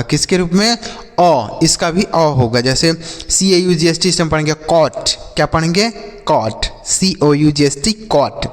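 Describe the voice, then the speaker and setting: Man teaching phonics in an echoing hall. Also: a little high. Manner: spells letters aloud, asks questions then answers them. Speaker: English teacher. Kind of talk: slow spelling and phonics lesson for children.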